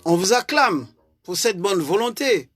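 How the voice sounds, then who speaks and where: Speaking with a Congolese French accent, a man from the DRC who serves as a party vice-president delivers earnest political commentary. His high, slightly bright voice is very animated yet unhurried, and he keeps hesitating and repeating words.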